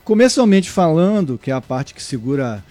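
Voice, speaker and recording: A middle-aged man from Brazil, a guest surfer and surf instructor, answering interview questions in a halting way with many restarts. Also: on the high side, sing-song, dark tone, soft background music. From Brazil (born in Salvador, raised in Niterói). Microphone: remote mic, at first too far away.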